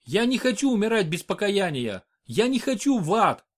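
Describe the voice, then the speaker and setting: A man voicing a frightened young noblewoman in labour, pleading in high, sobbing tones. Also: very animated, moderate pace. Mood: tearful pleading.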